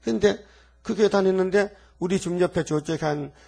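An older man preaching a sermon in an animated, folksy way, full of rhetorical questions and asides. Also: sits high, normal speed, gravelly. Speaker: pastor.

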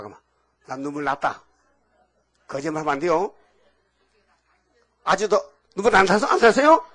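Older guy preaching at a revival, folksy, keeps asking the crowd questions, voice a bit high. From rural Korea. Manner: folksy, animated preaching with frequent rhetorical "응?" asides. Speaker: pastor. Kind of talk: revival sermon.

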